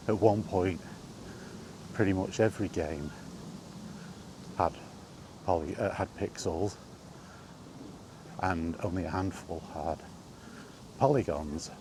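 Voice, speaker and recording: A deep-voiced, middle-aged gaming vlogger rambles casually while walking outdoors, talking conversationally with halting pauses. He uses a mic with a wind guard, but the recording is windy with background noise.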